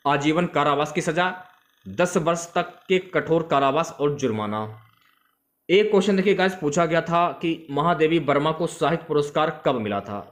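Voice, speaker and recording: A male exam coach works through questions with students, repeating the key facts as he reviews them. His voice is a little high and a bit bright.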